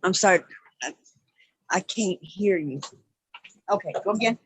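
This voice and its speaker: Woman, husky, slow, defendant in court, terse replies, polite, formal. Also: mid-range voice, no echo. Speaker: defendant entering a plea. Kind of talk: brief formal answers in court.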